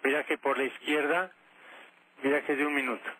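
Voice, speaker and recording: A man's voice: fairly high pitch, fairly even intonation, moderate pace. A man giving clipped air traffic control instructions over the radio. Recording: aviation radio with faint noise.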